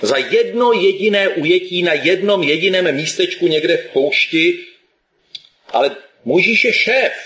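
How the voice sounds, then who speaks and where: A male preacher giving a sermon in a lively, colloquial storytelling manner. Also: high-pitched, roomy sound.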